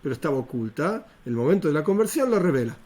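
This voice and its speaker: A man's voice: fairly high pitch, sing-song, quick pace, a little mellow, breathy edge. A man with an Argentine Spanish accent, a rabbi giving an informal religious lesson, talking in a conversational way and repeating points for emphasis. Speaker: rabbi teaching a class.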